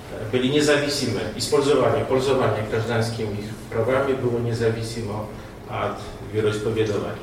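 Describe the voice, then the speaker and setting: A man from Poland giving a formal ambassador's address, deliberately, in short phrases broken by pauses. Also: mid-range voice. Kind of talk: formal public speech. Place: large reverberant indoor hall. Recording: very echoey hall, distant, clearly noisy.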